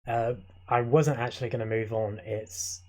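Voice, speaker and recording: A man's voice: medium pitch, fairly even intonation, normal speed, darkish tone. A young man co-hosting a casual chat podcast, joking and teasing, often laughing. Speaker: podcast co-host.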